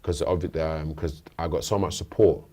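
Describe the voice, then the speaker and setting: Deep-voiced British man in interview. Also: fairly even intonation, moderate pace, mellow, slightly rough. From United Kingdom. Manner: thoughtful, rambling with restarts. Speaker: interview guest, rapper. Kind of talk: casual interview chat. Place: radio studio.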